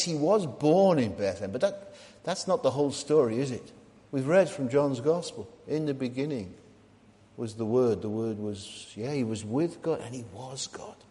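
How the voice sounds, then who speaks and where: A man preaching a sermon in a conversational way, asking the listeners questions and pausing with ums and restarts. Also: mid-range voice, warm tone. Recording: long hall reverb.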